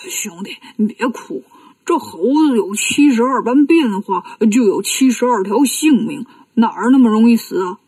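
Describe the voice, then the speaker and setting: A woman voicing a calm, unhurried pig-man disciple in a children's storybook reading. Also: fairly high pitch. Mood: easygoing.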